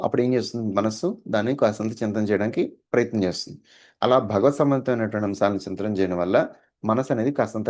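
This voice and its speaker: A man with a fairly low voice gives a devotional discourse, teaching in an explanatory way. He stretches his pauses with long "aa" fillers and drops English words into his talk. He checks in with listeners as he goes. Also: a little mellow. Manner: explanatory, asks listeners "understood?"; drawn-out "aa" fillers. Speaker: spiritual teacher.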